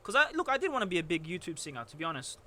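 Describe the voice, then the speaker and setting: A man's voice: high-pitched, big pitch swings, racing, sharp tone. A man, a musician guest chatting casually and reflectively on a podcast. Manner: laid-back, self-reflective, uses "bro" and "look".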